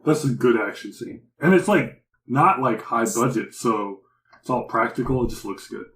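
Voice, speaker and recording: A man co-hosting a casual anime chat, retelling scenes in a rambling, animated way. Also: mid-range voice, normal speed. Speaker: podcast co-host. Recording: roomy echo.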